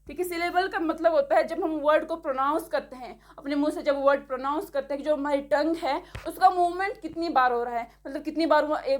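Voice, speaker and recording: A woman teaching English pronunciation, who explains step by step, checks in with the class often and spells words out slowly letter by letter. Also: high voice. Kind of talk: classroom-style lesson.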